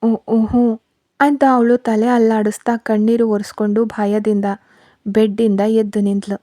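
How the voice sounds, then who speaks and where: A woman storyteller narrating a scripted story in a steady, even way. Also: mid-range voice, normal speed, dry recording.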